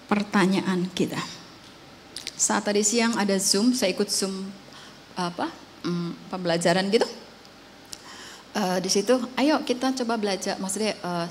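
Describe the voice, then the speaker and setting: A woman preacher giving a conversational sermon, moving between emphatic and hushed delivery. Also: medium pitch, slight background noise. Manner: conversational testimony, shifting between loud emphatic and soft hushed.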